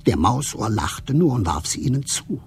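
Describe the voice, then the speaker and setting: A man narrating a fairy tale in a radio drama, with expressive storytelling. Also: mid-range voice, moderate pace, slightly rough.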